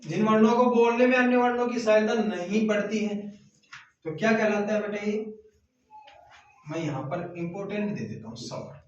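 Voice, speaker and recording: A male teacher giving a slow classroom lecture, repeating questions to his students and answering them himself. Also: high-pitched, a little hiss or hum. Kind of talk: classroom lecture on Hindi grammar. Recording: distant, echoey, muffled room recording.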